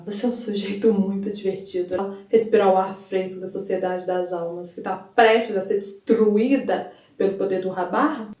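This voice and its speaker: Chatty woman in an echoey room. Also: mid-range voice. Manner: chatty, animated, retells scenes with quoted lines. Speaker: anime recap youtuber. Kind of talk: casual excited episode recap. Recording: echoey room, mic at a distance.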